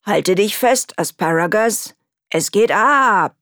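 A woman's voice: low-pitched, moderate pace, no echo, clean studio sound. A woman voicing a protective old grandfather in an audiobook, speaking firmly and insistently. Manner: firm, insistent. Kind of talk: audiobook reading.

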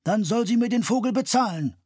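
A man voicing a loud, angry male bird seller who scolds in a storybook reading. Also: medium pitch, animated, normal speed, slightly rough, no echo, clean studio sound, pitched above the performer's own voice.

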